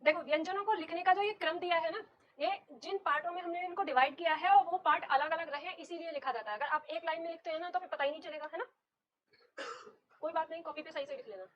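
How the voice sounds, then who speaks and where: A woman's voice: very high-pitched, fast, muffled recording. A woman teaching a Hindi grammar class, explaining step by step and putting questions to her students. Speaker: Hindi teacher for competitive exams. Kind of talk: classroom lecture on Hindi alphabet.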